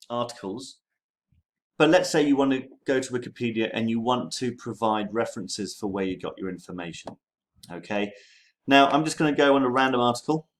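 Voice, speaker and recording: Man, lowish voice, history teacher, screen-share tutorial, relaxed, lots of ums and okays.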